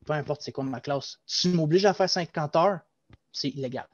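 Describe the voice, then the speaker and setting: Animated young Québécois man on a headset. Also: a little high, moderate pace, dry recording. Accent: Québécois French. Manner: animated, explanatory, gestures while talking. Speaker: guest, former loss-prevention agent. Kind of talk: casual interview over video call. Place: small room at home. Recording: dull lo-fi video call audio.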